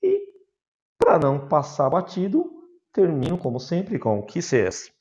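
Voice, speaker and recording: A man from Brazil teaching a recorded class in a lively, chatty way, addressing his students informally. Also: fairly high pitch, slow.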